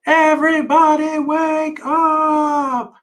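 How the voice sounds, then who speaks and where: A man voicing a cheerful little girl who yells to wake everyone up, stretching out her high, loud call. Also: expressive, moderate pace, recorded from a distance. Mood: yelling gleefully.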